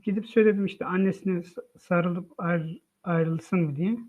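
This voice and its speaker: A man's voice: sits high, fairly even intonation, moderate pace. A father telling of his family's hardship in an emotional personal testimony, retelling events by quoting what each person said. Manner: retells events by quoting dialogue, frequent "dedim" and "dedi" tags. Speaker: father of the child. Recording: tinny phone-like line from a live online broadcast.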